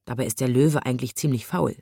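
A woman narrating a children's storybook in an even, measured reading voice. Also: a bass voice, gravelly, breathy edge, dry recording, clean studio sound.

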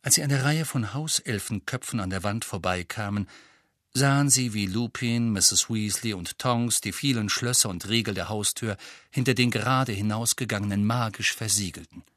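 A man reading an audiobook with expressive storytelling narration. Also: lowish voice, moderate pace, no room sound, clean studio sound. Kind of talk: scripted narration.

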